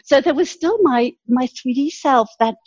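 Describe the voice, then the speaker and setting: A woman with a husky, slightly breathy voice at a middle pitch tells her story earnestly and laughs lightly now and then. The sound is dry and close, with a dull, lo-fi tone. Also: normal speed, a little mellow, no room sound. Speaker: guest. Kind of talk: reflective storytelling in an interview.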